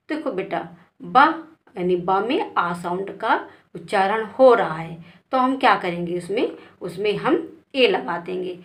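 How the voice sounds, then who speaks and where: Very slow Indian woman teacher. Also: medium pitch, fairly bright tone. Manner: slow, spells letter by letter, addresses learners as "beta". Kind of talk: beginner spelling lesson.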